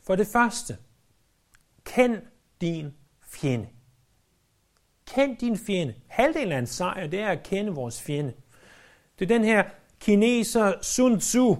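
A man preaching a sermon in an earnest, emphatic way, repeating key phrases for weight. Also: high-pitched.

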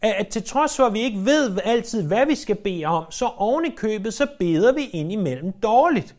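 A man preaching a sermon, stressing points loudly and then dropping to hushed, low phrases. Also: very animated. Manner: emphatic, swings between loud stresses and hushed low phrases.

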